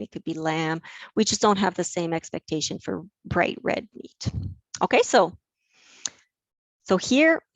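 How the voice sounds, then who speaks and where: A woman's voice: fairly low pitch, dry recording. A woman giving an enthusiastic live online lecture, with frequent fillers and restarts.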